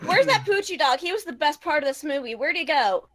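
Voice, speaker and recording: A clueless, flippant cartoon commentator, played by a woman, extremely high in pitch. The voice is bright and sharp, bluntly chipping in on an improvised sports dub. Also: big pitch swings, brisk. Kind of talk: improvised comedic fandub commentary.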